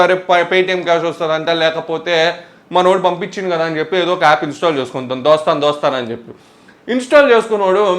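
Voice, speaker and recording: A young man, hosting a casual tech vlog in a chatty, animated way and mixing in English words. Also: high-pitched. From India. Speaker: tech YouTuber.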